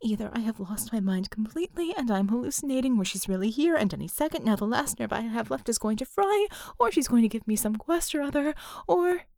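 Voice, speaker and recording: A woman's voice: sits high, normal speed, no echo, studio quality, voice pushed up. A woman voicing an exhausted young female magician who stammers and sounds anxious. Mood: panicked.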